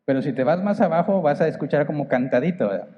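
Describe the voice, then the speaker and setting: A man's voice: a little high, fast talker, long reverb tail, highs cut off. A man with a northern Mexican accent preaching a sermon as pastor, conversational, asking the congregation rhetorical questions. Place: church hall.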